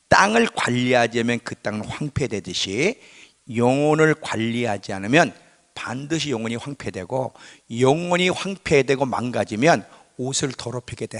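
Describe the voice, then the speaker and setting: A man's voice: mid-range voice, pushed and bright. A male pastor preaching a sermon in a conversational way, often putting questions to his congregation. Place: church sanctuary. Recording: church hall with long reverb.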